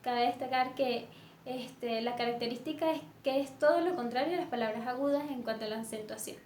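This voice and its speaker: A woman teaching a lesson in a measured way, with fillers and self-corrections. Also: on the high side, a little mellow. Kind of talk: explanatory lesson. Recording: echoey room with faint background noise.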